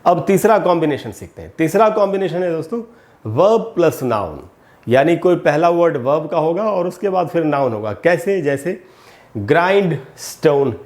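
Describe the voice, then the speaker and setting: A man with a voice a little higher than most men's teaches English grammar in Hindi. He takes each term slowly, repeats it, and keeps calling his viewers friends. He speaks into a close mic with no room sound. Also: expressive, darkish tone.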